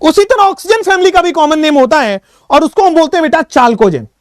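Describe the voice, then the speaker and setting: A male chemistry teacher with a high, bouncy voice that swoops up and down as he jokes with his students. He talks in a playful, teasing way and chants memory tricks in a sing-song. The sound is dry and close, with no room around it. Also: quick pace, dry recording. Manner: playful, teasing, mixes English phrases; lively, sing-song when reciting mnemonics. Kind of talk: casual online lecture.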